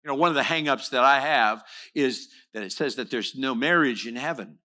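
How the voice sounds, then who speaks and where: A man's voice: medium pitch, brisk, sharp tone. A male pastor preaching a sermon in a church, earnest, often repeating words and restarting his phrases. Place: church sanctuary.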